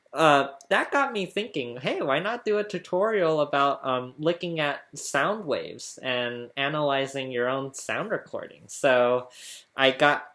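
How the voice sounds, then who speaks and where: Recorded indoors on his laptop's webcam microphone, a man explains phonetics in a relaxed tutorial. His mid-range voice is a bit bright, and he keeps things talkative with frequent laughter.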